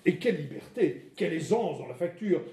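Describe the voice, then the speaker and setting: A man reading aloud the part of an excitable, scornful older male academic painter, with huffing exclamations. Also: a little high, a little fast, close to an everyday voice. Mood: indignant. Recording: roomy hall, mic far off.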